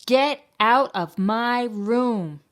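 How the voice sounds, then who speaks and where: A woman voicing a cranky little girl from a storybook in loud, whiny, shouted outbursts. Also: on the high side, drawn-out words, voice pushed up. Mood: shouting.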